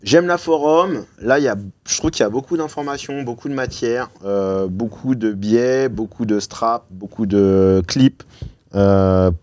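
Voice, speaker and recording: A man on a discussion panel, giving measured opinions with many hesitant fillers. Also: mid-range voice, darkish tone, dry recording. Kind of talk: casual panel chat.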